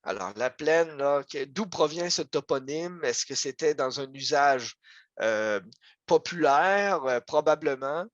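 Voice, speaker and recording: A man's voice: fairly high pitch, animated, a little slow, dry recording, muffled recording. A man with a Quebec French accent giving a local history lecture over a video call, conversational, with many fillers and asides. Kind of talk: history talk, online lecture.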